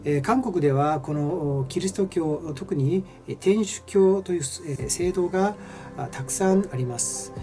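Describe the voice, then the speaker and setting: A man hosting a history channel, explaining in a halting lecture style full of drawn-out fillers. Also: a little high, warm tone, soft background music. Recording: dull lo-fi sound.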